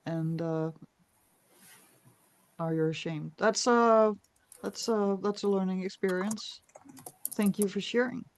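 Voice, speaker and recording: A woman from Denmark leading an online group meeting, telling a personal story in a relaxed, reflective way. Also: medium pitch, slow, pauses often, a little hiss or hum. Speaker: meeting facilitator.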